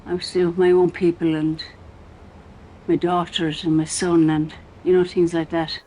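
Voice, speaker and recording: A middle-aged man talks candidly in a west of Ireland accent. His voice is high for a man and stays fairly level, with a hesitant, conversational delivery. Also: little pitch movement, moderate pace, mellow, rough recording. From Ballinasloe, west of Ireland. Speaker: documentary interviewee. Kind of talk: candid personal account.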